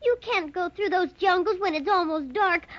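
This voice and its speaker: A woman's voice: very high-pitched, moderate pace. A woman playing an earnest, anxious young girl in an old radio adventure. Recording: dull lo-fi old radio recording.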